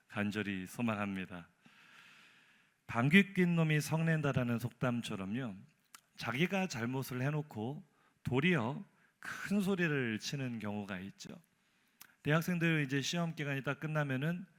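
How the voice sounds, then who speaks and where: A Korean male pastor preaching a Sunday sermon, telling a humorous story and acting out the dialogue with sudden loud and soft turns. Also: medium pitch, expressive, normal speed. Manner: storytelling with acted dialogue and dramatic swings in volume. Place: church sanctuary.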